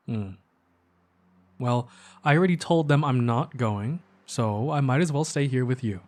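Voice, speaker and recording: This ASMR roleplay has a man voicing an earnest young male best friend who sounds fond and tender. Lightly acted, he talks at a typical male pitch in a casual, hesitant, soft-hearted way, close and intimate, as though addressing a single listener.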